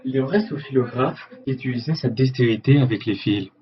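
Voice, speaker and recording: A man's voice: medium pitch, normal speed, muffled recording, slight background noise, natural voice. A man playing an earnest TV reporter, reading scripted narration for a parody news report.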